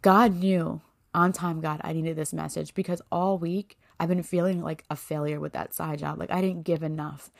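A woman's voice: sits low, steady tone, normal speed, gravelly. A woman in her thirties hosting a personal faith podcast, talking in a heartfelt, rambling way full of "like" and "you know". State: voice cracking with emotion. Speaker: podcast host.

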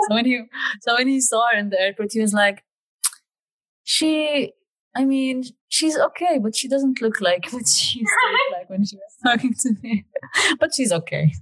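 A woman chatting casually, telling stories in an animated way and laughing often. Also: on the high side, normal speed. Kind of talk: casual chat.

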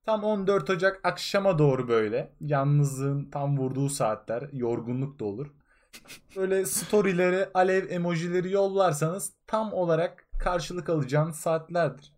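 A young man with a slightly higher voice co-hosts a relaxed chat show. He delivers his jokes in a mock-serious, announcer-like way, as if making a public warning. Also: moderate pace. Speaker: podcast co-host. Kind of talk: casual chat.

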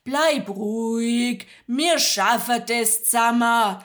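A woman voicing a brisk, kind older female farmer with a Swabian accent, bossy and chatty. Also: on the high side, lively intonation, fairly bright tone. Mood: soothing.

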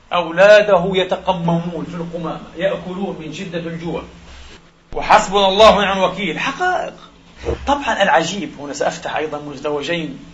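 Impassioned bright-voiced male preacher. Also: muffled recording, slight background noise. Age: 40s. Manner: impassioned, with sharp swings in pitch and loudness. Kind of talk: Friday sermon. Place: mosque.

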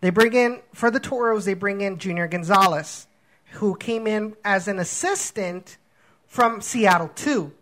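A man's voice: sits high, a little slow, fairly bright tone. A man co-hosting a soccer podcast in casual chat, rambling with many restarts and fillers. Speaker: podcast co-host.

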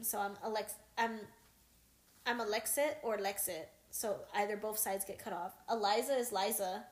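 Chatty young woman in an echoey room. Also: fairly high pitch. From United States. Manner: rambling, many fillers and laughs. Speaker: podcast co-host. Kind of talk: casual chat.

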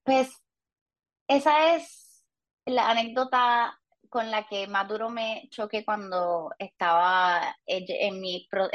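A woman's voice: medium pitch, highs cut off. Chatty Puerto Rican woman, thirties. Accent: Puerto Rican Spanish. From Puerto Rico. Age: 30s. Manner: candid, chatty, with light self-mocking humor. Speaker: guest, patient. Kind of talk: casual podcast interview.

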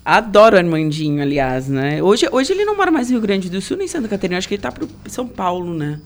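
A man's voice: sits high, very animated, fast, faint music behind. A male host runs a casual interview. He is chatty and asks his questions plainly. He keeps the talk moving with short affirming replies.

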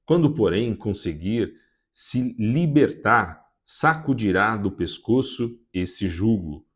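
A grave, aged father pronounces his words slowly, his voice rising and falling broadly, as a man reading scripture puts him on. The delivery is unhurried and weighty. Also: lowish voice, animated, husky, full character voice. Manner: slow, solemn pronouncing of a blessing. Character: aging blind father, solemn and grave.

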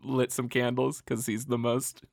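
A man co-hosting a casual comic book discussion, animated and profane, laughing often. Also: medium pitch, a little slow, creaky, dry recording, studio quality. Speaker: podcast co-host.

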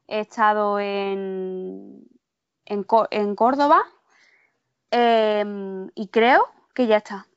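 A woman from Málaga, answering lesson questions calmly and precisely in full sentences. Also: mid-range voice, drawn-out words, clear, resonant tone, no echo, muffled recording. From Málaga, Spain.

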